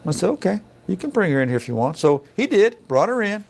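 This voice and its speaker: A man's voice: high voice, big pitch swings, fast, gravelly, darkish tone. Middle-aged man, truck scale inspector, folksy casual storytelling, chatty asides. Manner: folksy, chatty, peppered with "you know" asides.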